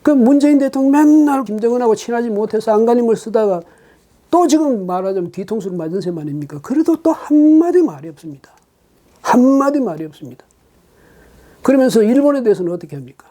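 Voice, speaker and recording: A man's voice: high-pitched, dark tone. A man hosting his own political commentary show, talking alone with emphatic rhetorical questions and frequent hesitant fillers.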